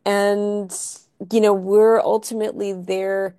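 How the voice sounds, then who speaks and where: A woman's voice: medium pitch, level tone, slow pace, mellow, smooth. A woman researcher on a panel, agreeable and a bit hesitant, restarting phrases. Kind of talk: panel discussion.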